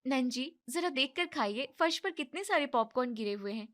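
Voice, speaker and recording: A woman voicing a hardworking young sister-in-law who scolds in a stern, fed-up way in an animated story. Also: sits high, normal speed. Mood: scolding.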